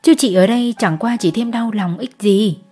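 A woman's voice: mid-range voice, normal speed, mellow, husky, faint music behind, lightly acted. Woman doing kindly fellow prisoners. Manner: kindly, advising. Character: sympathetic fellow prisoners, village men.

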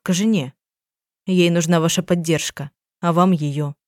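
A woman reading the lines of a calm, firm woman detective who talks quietly and gently in an audiobook. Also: lowish voice, measured pace, dry recording, clean studio sound, natural voice. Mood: gentle. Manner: quiet and gentle, turning stern. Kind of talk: audiobook dialogue.

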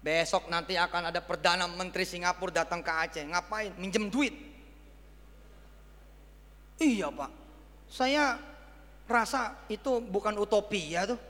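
A man preaching a sermon to a congregation, swinging between loud bursts and quiet asides. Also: high-pitched, unhurried, long pauses. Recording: hall reverb.

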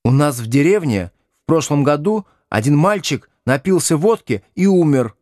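A man's voice: a little high, sing-song, normal speed, darkish tone, dry recording, studio quality, pitched above the performer's own voice. A man voicing a timid, naive teenage boy in an audiobook. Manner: timid, modest.

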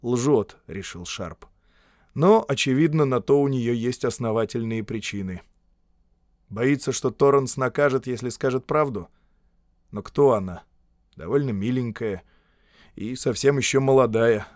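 A man narrating an audiobook in a measured, storytelling manner. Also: medium pitch, darkish tone, no echo, clean studio sound. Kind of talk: scripted narration.

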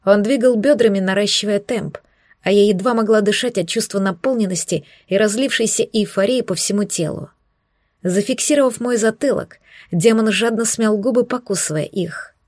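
A woman narrates a first-person romance audiobook in a soft, hushed, intimate voice. Her pitch sits in a plain middle range. The recording is dry and close, with no room sound. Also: moderate pace, dry recording.

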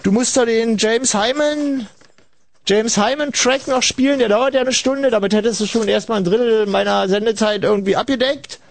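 A man's voice: very high voice, moderate pace, vocal fry, no echo. A man hosting a late-night call-in radio show, rambling ironically and chatting with callers. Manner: rambling, ironic, addresses listeners as kids. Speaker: radio host.

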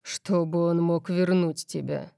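Woman doing gruff brooding male vampire. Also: steady tone, measured pace, dark tone, no echo, studio quality. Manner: low, rough, clipped.

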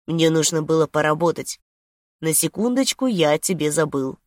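A woman's voice: low voice, expressive, moderate pace, no echo, studio quality. A woman playing a smug, seductive man. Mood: teasing.

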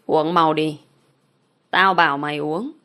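Woman narrator doing a drunk abusive father, threatening, low-ish, audiobook. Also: fairly even intonation, a little slow, bright, forceful tone. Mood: commanding. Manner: cursing, threatening.

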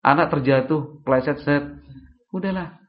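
A man's voice: medium pitch, normal speed, lo-fi sound. A man giving a religious study lecture, talking animatedly and asking his listeners questions. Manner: lively, rhetorical questions to the audience. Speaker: Islamic preacher.

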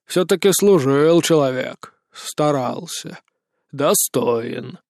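A slow, low-voiced president who hands down orders with heavy authority, as a man reads him. The voice sits lower than the narrator's own tone and stretches out every phrase. The recording is close and dry. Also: lively intonation, vocal fry, a little mellow, dry recording, full character voice. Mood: commanding. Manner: slow, low, commanding drawl. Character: slow gruff male president, imperious.

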